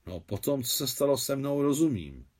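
A man's voice: mid-range voice, very animated, darkish tone, voice pushed up. A man reading the lines of a proud, tense young woman in a novel, polite and pleading.

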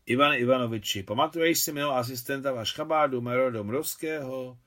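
A man's voice: medium pitch, a bit bright, pitched above the performer's own voice, natural voice. A man reading an audiobook, voicing a good-natured, tired middle-aged professor who is easily puzzled.

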